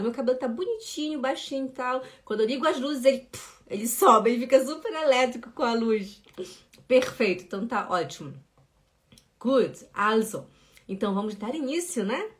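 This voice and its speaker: Brief: woman, German tutor on a live stream, chatty and encouraging, a fairly high voice. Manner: chatty, greets viewers by name, drills pronunciation slowly. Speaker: German teacher. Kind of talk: casual live-stream lesson. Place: home room with lights.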